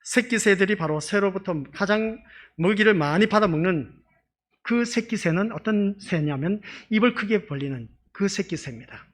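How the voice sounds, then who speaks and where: Pastor guy preaching in church, fairly high voice, chatty, keeps asking the congregation questions. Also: lively intonation, normal speed, fairly bright tone. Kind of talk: sermon.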